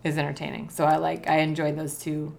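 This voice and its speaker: A woman with a slightly low voice chats casually as co-host. She stops and starts, searching for the right words, with an amused tone throughout. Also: monotone, a little fast, gravelly, darkish tone. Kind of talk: casual chat.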